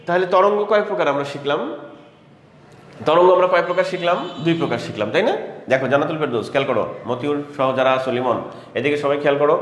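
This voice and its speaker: A male teacher giving an exam-prep lecture in a classroom. He talks fast with a lively, rising and falling pitch, asking questions and answering them himself. The voice echoes through a roomy hall over a faint hum of ambience. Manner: addresses students by name, repeats key terms.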